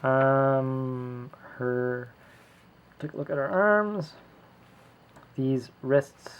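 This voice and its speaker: With slight background noise, a toy reviewer whose mid-range voice is gravelly gives a casual hands-on look at a figure. He rambles in a relaxed way, using many fillers, recorded at home on a small camera with lo-fi sound.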